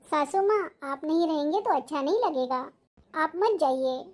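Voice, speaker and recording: An actress playing a lazy, sly young sister-in-law who sweet-talks and makes excuses, in a family drama. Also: female voice, sits high, animated, normal speed. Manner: sweet-talking, making excuses. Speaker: actor.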